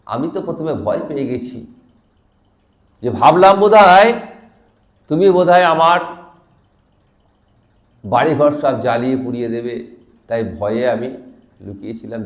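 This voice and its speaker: A man's voice: mid-range voice, lively intonation, a little slow, long pauses, roomy sound, pitched below the performer's own voice, lightly acted. Man voicing a timid, frightened magistrate. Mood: fearful pleading. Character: frightened, humbled male town magistrate pleading.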